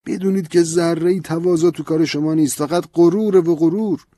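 A man's voice: steady tone, warm tone, no room sound, lightly acted. Male narrator as an earnest, lecturing priest; storybook reading, dry close sound. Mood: urgent, reproachful. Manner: earnest, raised-pitch lecturing. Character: stern older male priest, pleading, preachy.

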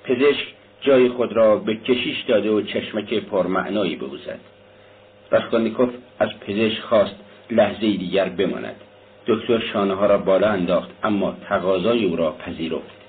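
A man reading a novel aloud as narrator, in a steady scripted delivery. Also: lowish voice, slight background noise. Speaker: audiobook narrator. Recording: tinny phone-like sound.

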